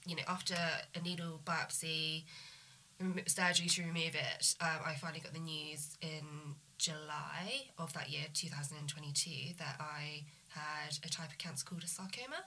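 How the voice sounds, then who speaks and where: A woman in her thirties, nasal from a cold, calmly and candidly telling her story as a guest. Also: low-pitched, normal speed, slight background noise. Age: 30s. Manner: calm, candid, matter-of-fact. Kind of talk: interview conversation.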